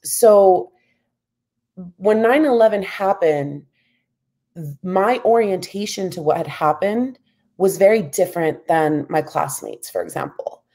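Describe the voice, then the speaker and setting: As an interview guest, a thirtyish American professor gives candid, considered answers dotted with "you know". Her fairly low voice is dark and expressive, a little slow, with frequent pauses.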